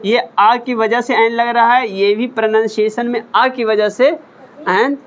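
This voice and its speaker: Here the English teacher's voice is very high and fairly bright, with even intonation and a measured pace. Standing at the whiteboard, he says every word twice and answers his own questions, patient and encouraging throughout.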